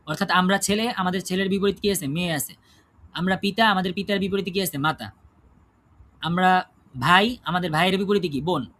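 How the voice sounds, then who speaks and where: A man's voice: high-pitched, fairly quick, long pauses, pushed and bright, slight background noise. A man teaching a class on recitation rules. He asks the students questions, answers them himself and keeps checking that they follow. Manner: checks understanding with frequent tag questions.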